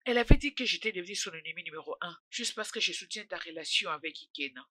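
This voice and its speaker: Comforting best friend, bright voice, lowish. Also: female voice, expressive, fast talker, no room sound. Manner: soothing, encouraging. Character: loyal, comforting female friend. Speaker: supportive friend. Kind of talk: French dub of a film.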